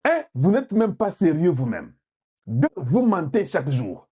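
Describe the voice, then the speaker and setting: A man from Congo with a Congolese French accent, delivering heated, forceful political commentary and repeating points for emphasis. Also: a little high, huge pitch swings, unhurried, husky. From Democratic Republic of the Congo.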